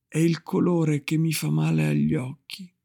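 Brief: man doing a tired storybook mother, soft and brave, pitched higher, gravelly edge. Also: level tone, normal speed. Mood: tender, brave. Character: weary tender mother, hiding her tears.

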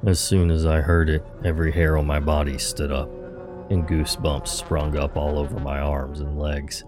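A man hosting a podcast, narrating a scary true story in a steady, hushed way. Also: very deep voice, moderate pace. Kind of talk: scripted horror story narration. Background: soft music.

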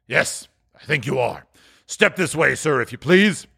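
A man's voice: medium pitch, measured pace, vocal fry, sharp tone, no room sound, studio quality, heavily acted. A man voicing a stern old miser boss in a storybook reading, growling curtly with feigned severity. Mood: mock stern. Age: older. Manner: curt, mock-stern.

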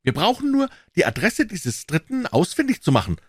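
A man voicing an excitable young gentleman in an audiobook, speaking in a high, agitated voice. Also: a little fast, husky, no room sound, clean studio sound, full character voice. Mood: flustered.

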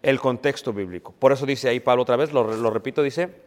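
A man's voice: medium pitch, fast, a little mellow, in a large hall. A man preaching a sermon in a church, asking his congregation questions, answering them himself, and calling them brothers.

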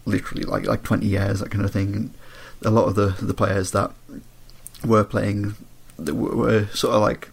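A man chatting casually, his voice croaky and congested from a head cold. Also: on the low side, little pitch movement, moderate pace. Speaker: podcast co-host. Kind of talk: casual chat. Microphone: remote internet voice call.

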